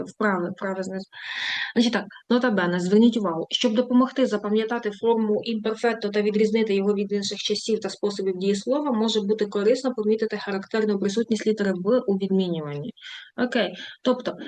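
A woman walks through verb forms in an online language lesson. Her voice sits at a middle pitch and is recorded dry and close, with no room sound. She reads out conjugations one after another and stops to explain with small fillers. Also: a little mellow, dry recording. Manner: reads examples and conjugations aloud, switching between Ukrainian and Italian; thinking aloud with fillers while scrolling through material. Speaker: Italian teacher.

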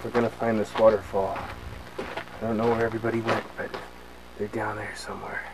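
A man's voice: fairly low pitch, flat delivery, fairly quick. A man filming himself on a forest trail, narrating with playful mock-dramatic asides on a handheld camcorder. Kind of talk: jokey handheld hiking commentary. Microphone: handheld camcorder mic. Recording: noisy outdoor camcorder audio.

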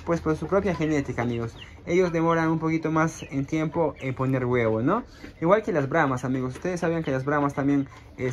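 A man's voice: mid-range voice, a little hiss or hum. A man running a small poultry project, chatting casually to his viewers with plenty of fillers. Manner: chatty, addresses viewers as friends, frequent fillers. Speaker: small-scale poultry farmer. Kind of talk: casual vlog explaining his chicken project. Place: outdoors at a chicken coop. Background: hens and roosters clucking faintly.

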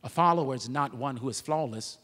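A man preaching a sermon as pastor, moving from quiet, conversational asides to loud, shouted peaks. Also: medium pitch, a little fast, breathy edge, big-room sound. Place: church sanctuary.

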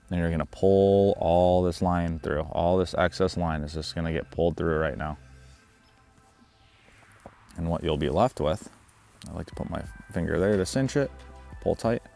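A deep-voiced man hosts a fishing vlog from a river, chatting in a relaxed, friendly way. He walks viewers through his gear and knots in an easy instructional tone. Soft music plays faintly beneath him. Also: gravelly. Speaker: fishing guide and vlog host. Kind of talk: casual outdoor vlog narration and how-to. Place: outdoors on a river.

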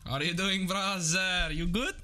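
A man trolling strangers on a video chat, loud and provocative with stammering restarts. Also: sits high, steady tone, normal speed. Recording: noisy video chat audio.

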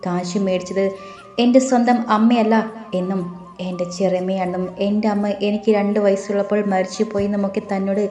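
Gentle woman narrating a romance. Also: medium pitch. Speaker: audiobook narrator. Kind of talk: scripted romantic story narration. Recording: roomy with faint music.

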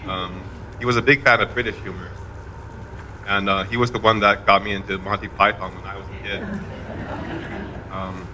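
Guy reading a eulogy for his dad, kinda flat delivery, low-ish voice with a bright edge. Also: slight background noise, rough recording. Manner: fairly monotone, measured delivery. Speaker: son giving a eulogy. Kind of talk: memorial eulogy speech. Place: event room at a college campus.

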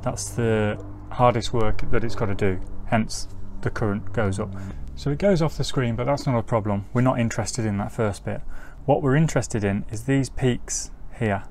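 A middle-aged mechanic's slightly mellow, mid-range voice moves at a moderate pace with hardly any pauses. He's outdoors on a driveway giving an informal, step-by-step technical tutorial, and clear ambient noise surrounds him.

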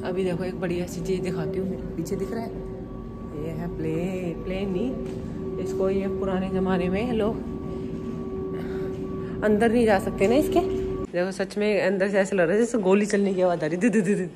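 A young Indian travel vlogger talks chattily to her viewers while walking through large museum halls, filming on a phone held at arm's length. Her mid-range voice is fairly even at normal speed, with long pauses, over loud music and the noise of a busy museum.

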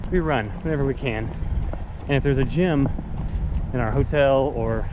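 A man's voice: mid-range voice, moderate pace, lo-fi sound. A man in his thirties chatting casually to a vlog camera while running, a bit out of breath. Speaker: vlogger. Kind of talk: casual travel vlog chat. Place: outdoors on park paths, jogging. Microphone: action camera held at arm's length. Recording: outdoor noise around the voice.

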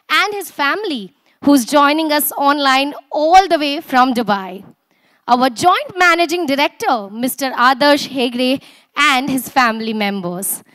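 A young woman with an Indian accent works as a stage emcee at a corporate event. Her voice is high and comes through dry and close on the microphone. She announces with energy, projecting out to rouse the audience. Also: dry recording. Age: young adult. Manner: energetic, projected, rousing delivery. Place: large auditorium stage. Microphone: handheld and podium microphone.

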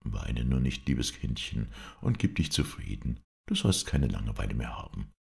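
A man reading a gentle, soothing young king. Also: rumbling low, normal speed, gravelly, voice pushed down, exaggerated voice. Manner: soothing, calm. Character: gentle older brother king, patient.

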